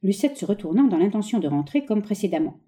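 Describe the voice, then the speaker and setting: A woman reading the stage directions of a play aloud in a calm, plain way. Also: mid-range voice, quick pace. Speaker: reader.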